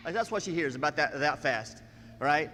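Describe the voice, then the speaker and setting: Animated man telling a story in a hall. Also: on the high side, moderate pace. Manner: animated, acts out scenes and quotes. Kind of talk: comic personal storytelling.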